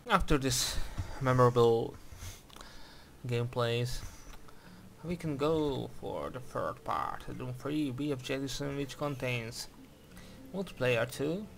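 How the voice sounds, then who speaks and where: Over game footage, a male game reviewer from Hungary talks slowly in a creaky, slightly bright, medium-pitched voice. His careful English carries a Hungarian accent and is full of hesitations, fillers and false starts, with a little hiss or hum underneath.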